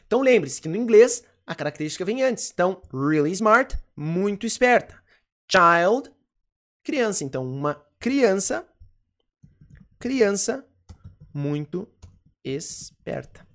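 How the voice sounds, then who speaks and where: An English teacher with a Brazilian Portuguese accent, giving a lesson and slowly repeating each phrase with frequent check-ins. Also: medium pitch, lively intonation, a bit bright. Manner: slow careful repetition, frequent "ok?" check-ins. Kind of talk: online language lesson.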